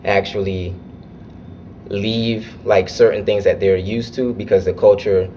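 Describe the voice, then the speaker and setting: A young adult man from Florida in the United States, a student club officer, answers interview questions earnestly but haltingly, with frequent restarts and fillers. His voice is fairly low, steady and dark in tone, with slight background noise.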